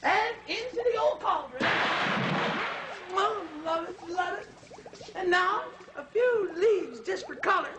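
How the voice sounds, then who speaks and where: A very high-pitched, gloating old witch cooks for a children's comedy show. She is theatrical and sing-song, taking her time and swooping up and down. The old TV soundtrack is clearly noisy. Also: expressive, slow, exaggerated voice. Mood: gleeful. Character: cackling old witch cook, gleeful and gloating.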